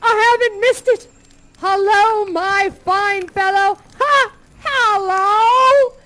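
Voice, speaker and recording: A woman voicing Scrooge, a remorseful old miser, in a loud, dramatic storytelling voice. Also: very high-pitched, fairly even intonation, takes it slowly, slight background noise, pitched above the performer's own voice. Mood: overjoyed. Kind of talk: theatrical storytelling to children.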